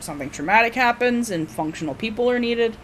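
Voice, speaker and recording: A woman's voice: on the high side, lively intonation, fast talker, slight background noise. A woman co-hosting a podcast in casual chat, blunt and swearing freely. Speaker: podcast co-host.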